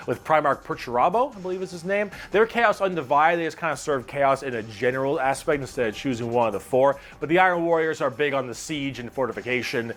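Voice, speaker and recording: A man's voice: mid-range voice, fairly bright tone. Man, streamer, casual lore rambling, profane, reads chat aloud, faint background music.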